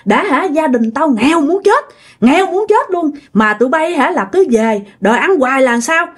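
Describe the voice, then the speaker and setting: An enraged old grandmother with a Southern Vietnamese accent shouts threats at unwanted ghosts, as a woman storyteller puts her on. Her high voice leaps up and down as she scolds. The tone is poor, fed up and fierce. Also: lively intonation, moderate pace. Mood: furious scolding.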